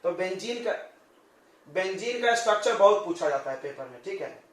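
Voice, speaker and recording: A male coaching-class teacher giving a chatty chemistry lesson, joking with his students and firing quick questions at them. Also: sits high, animated. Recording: very echoey classroom, distant mic.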